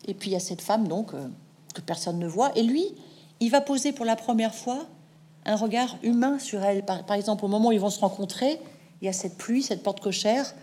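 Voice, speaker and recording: A middle-aged woman novelist answering interview questions in a thoughtful, measured way, with hesitant restarts. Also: mid-range voice, dark tone. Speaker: novelist guest.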